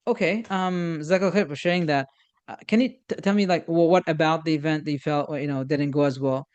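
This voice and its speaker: Man, slightly high voice, halting lecture, lots of restarts and fillers, religious phrases, acts out dialogue. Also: a little mellow, clear, resonant tone, muffled recording. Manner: halting, many repeated starts and fillers; uses Islamic religious phrases and Arabic quotes. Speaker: instructor on communication. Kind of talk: informal workshop lecture.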